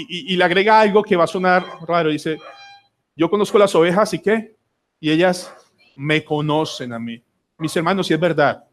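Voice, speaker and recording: Colombian male pastor, fairly high voice, earnest church sermon. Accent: Colombian Spanish. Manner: earnest preaching with dramatic pauses and repetition. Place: church sanctuary.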